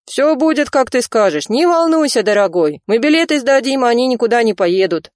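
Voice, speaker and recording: A woman voicing a loyal male cousin who reassures eagerly over the phone, raising her pitch. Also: very animated, a little fast, darkish tone, no room sound, studio quality. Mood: reassuring.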